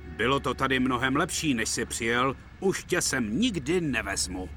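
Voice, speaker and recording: A man's voice: mid-range voice, lively intonation, pushed and bright. A man voicing a stern, stout male railway boss who speaks firmly and with authority, in a cartoon dub with music behind. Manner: firm, authoritative.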